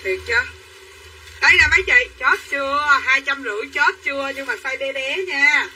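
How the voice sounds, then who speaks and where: Woman, livestream seller, chatty sales patter, high-pitched, distant mic with faint background noise. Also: moderate pace, pushed and bright. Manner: chatty, addresses viewers as sisters.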